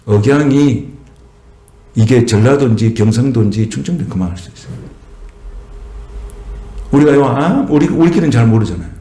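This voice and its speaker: A man with a Jeolla Korean accent preaching a sermon as a pastor, swelling higher and slower on key phrases. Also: dark tone. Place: church sanctuary. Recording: echoey church room.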